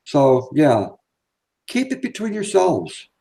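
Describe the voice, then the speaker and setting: Higher-pitched man talking out of the mouth's corner. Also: huge pitch swings, takes it slowly, vocal fry, dark tone. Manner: talks out of the side of his mouth. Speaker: live stream co-host. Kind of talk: casual live stream chat.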